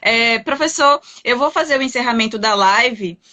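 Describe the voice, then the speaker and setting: A woman's voice: a little high, normal speed, bright, forceful tone. A woman from Brazil hosting a live-stream interview, giving polite, formal thanks and announcements.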